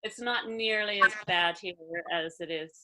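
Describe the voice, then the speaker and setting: A woman's voice: mid-range voice, moderate pace, sharp tone, rough recording. A woman with a Maritime Canadian accent, chatting casually as an interview guest. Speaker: interview guest, emergency doctor and musician.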